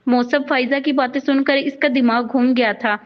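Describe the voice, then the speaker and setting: A woman reads a romantic novel aloud in a steady, even manner. Her voice sits high. The recording is dull and lo-fi. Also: moderate pace. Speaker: narrator. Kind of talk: storybook novel narration.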